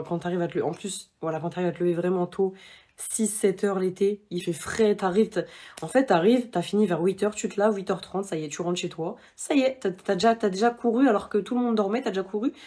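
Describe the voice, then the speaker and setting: A woman's voice: lowish voice, warm tone, breathy edge. A young woman chatting to camera, giving running tips with lots of fillers and restarts. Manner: chatty, many fillers and restarts, addresses viewers directly. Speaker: vlogger giving running advice. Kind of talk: casual talk to camera.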